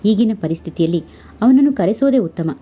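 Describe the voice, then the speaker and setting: A woman's voice: mid-range voice, lively intonation, a little fast, warm tone, slightly rough. A woman voicing an older male doctor, firm and matter-of-fact, in a read-aloud story.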